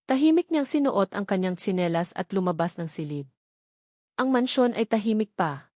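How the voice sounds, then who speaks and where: In a clean studio recording with no echo, a woman with a Filipino accent narrates a scripted love story in a dramatic style. Her voice is medium-pitched and a little mellow.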